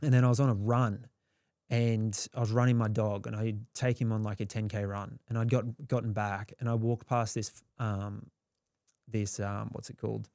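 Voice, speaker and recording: A man's voice: fairly low pitch, flat delivery, normal speed, darkish tone, no room sound, studio quality. A young Australian man telling his story in a candid, rambling way, swearing freely and acting out quotes. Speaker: guest.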